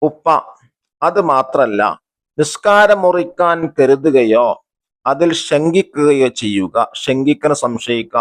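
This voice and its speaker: A man's voice: mid-range voice, expressive, measured pace. A man teaching a religious school lesson. He reads the textbook aloud, then explains it, asks questions and answers them himself, and glosses key terms.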